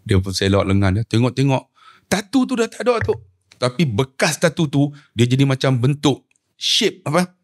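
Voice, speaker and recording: A middle-aged man with a Malaysian Malay accent, a preacher telling a story on a talk show with lively, swinging pitch and acted-out dialogue. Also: moderate pace. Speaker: preacher and umrah tour guide.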